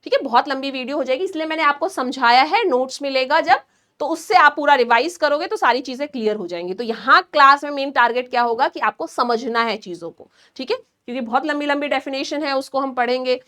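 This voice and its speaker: A woman's voice: high voice, pushed and bright. A woman teaching an online nursing class, quizzing her students and then answering herself. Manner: explains slowly with hand demonstrations.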